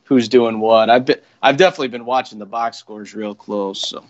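A man co-hosting a casual podcast, talking in a laid-back, halting way with many fillers. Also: mid-range voice, steady tone, dry recording. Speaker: podcast co-host. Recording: dry, dull lo-fi audio.

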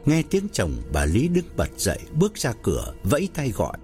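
A man narrating a ghost story in a slow, measured storytelling manner. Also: medium pitch, wildly swooping pitch, darkish tone, soft background music.

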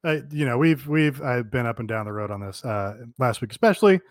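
A man's voice: medium pitch, lively intonation, brisk, dry recording. Laid-back male podcast co-host, dry sound. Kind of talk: casual chat.

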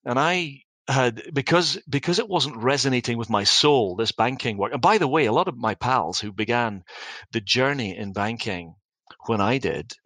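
A man's voice: medium pitch, expressive, normal speed, pushed and bright, no room sound, low-quality recording. A middle-aged man with a Scottish accent, a business founder telling his story in an interview in a wry, reflective, anecdotal way with frequent restarts. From Scotland.

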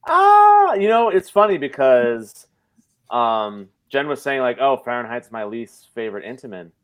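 Male guest, average pitch, casual conversational podcast delivery, explanatory. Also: very animated, unhurried.

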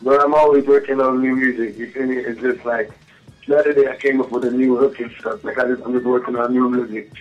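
A man's voice: medium pitch, steady tone, quick pace, muffled recording, faint music behind. A man from Jamaica with a Jamaican accent, a rapper and young label owner calling in, talking casual and slangy. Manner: laid-back slangy talk with "you feel me". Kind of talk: casual interview call-in.

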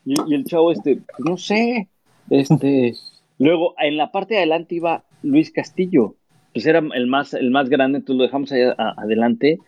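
A man's voice: medium pitch, moderate pace, no echo, muffled recording. A man, a sports commentator telling stories in a casual interview, acting out quotes. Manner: animated anecdote-telling, acts out quotes.

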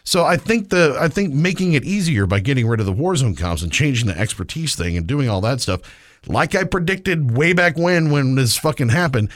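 A man's voice: medium pitch, big pitch swings, brisk, dry recording, clean studio sound. A man co-hosting a casual gaming podcast, ranting angrily and swearing heavily about the game. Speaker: podcast co-host.

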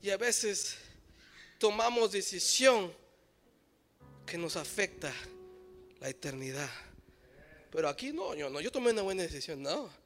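A man preaching a sermon, swinging from soft, low musing to loud shouting and slipping in short English phrases. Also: sing-song, measured pace, pauses often, soft background music.

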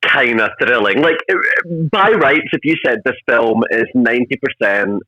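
A man's voice: medium pitch, expressive, normal speed, bright, forceful tone, muffled recording. A man with a Glaswegian accent chatting casually and effusively as a guest, repeating words as he goes. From Scotland. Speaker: podcast guest, freelance film critic. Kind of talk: casual chat.

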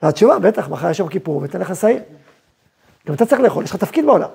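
A man teaching a Torah class as a rabbi, telling a story and acting out its voices with emphatic, lively delivery. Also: high voice, vocal fry, breathy edge. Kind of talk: animated Torah lesson with storytelling.

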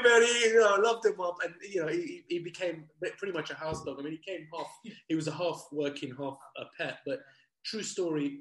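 A man with a slightly raised voice tells a story with lots of energy and acts out what he said back then. He swears casually. His voice echoes in the room. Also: fairly high pitch. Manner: animated, acts out his own past lines, casual swearing. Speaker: guest, dog trainer. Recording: roomy echo.

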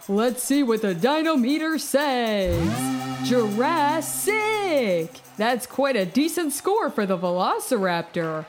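A woman narrating a children's story as an exclamatory, theatrical sports announcer. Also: on the high side. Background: music.

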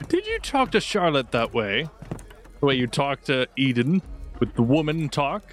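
Measured man in tabletop role-play. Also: medium pitch, sing-song, soft background music. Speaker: tabletop game player.

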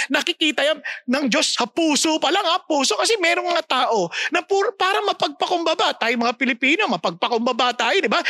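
A woman with a Filipino accent preaching a sermon, switching between languages and asking the audience lively rhetorical questions. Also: high voice, no room sound.

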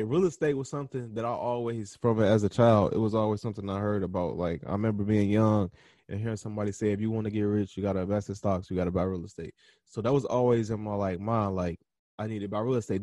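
A young man hosting a podcast, answering interview questions in a relaxed, slangy way, often pausing and restarting as he thinks aloud. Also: on the low side, dry recording. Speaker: podcast host being interviewed. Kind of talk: casual interview conversation.

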